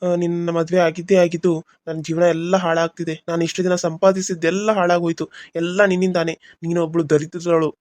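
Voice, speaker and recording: A man's voice: on the high side, little pitch movement, a little fast, darkish tone, no echo, lightly acted. A man voicing a moody young husband in a cartoon serial, brooding and harsh by turns. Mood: angry. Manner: brooding, harsh, then pleading. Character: young husband, moody, torn between two women.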